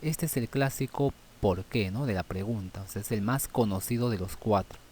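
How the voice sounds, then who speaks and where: A man teaching a grammar lesson, thinking aloud and ending phrases with quick checking questions, with many fillers. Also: fairly low pitch, noisy background.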